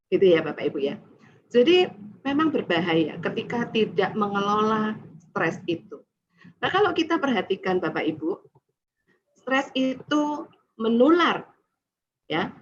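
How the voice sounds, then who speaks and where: Lively woman lecturing parents, lo-fi. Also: medium pitch. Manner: lively, addresses the audience often, acts out family scenes. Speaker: parenting seminar speaker. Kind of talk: presentation to parents. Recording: dull lo-fi recording with faint noise.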